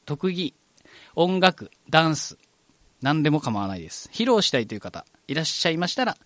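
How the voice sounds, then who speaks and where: A man's voice: mid-range voice, a bit bright, no echo. A man hosting a live radio program, speaking with a Kagoshima accent in a chatty, friendly way. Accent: Kagoshima dialect. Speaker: radio host.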